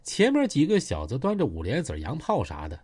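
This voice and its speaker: A man's voice: medium pitch, wildly swooping pitch, fairly quick, a little mellow, breathy edge. A man narrating a story in a chatty, vivid colloquial manner, with asides to the listener.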